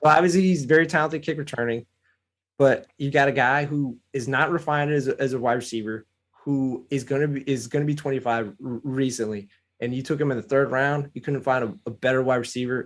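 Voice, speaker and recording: A man co-hosting a casual sports podcast, breaking down a football draft and weighing both sides. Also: mid-range voice. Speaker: podcast co-host.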